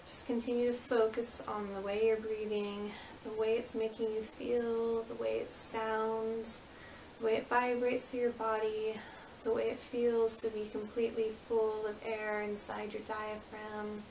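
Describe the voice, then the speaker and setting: A woman yoga instructor leading a guided meditation with soothing, unhurried, gently repeated instructions. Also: on the high side, monotone. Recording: roomy, distant mic with faint noise.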